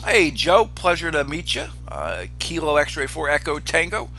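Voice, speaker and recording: Bright-voiced man, humming background. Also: fairly high pitch, very animated, normal speed, gravelly. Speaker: ham radio net control operator. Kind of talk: casual radio net hosting. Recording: noticeable hum and background noise.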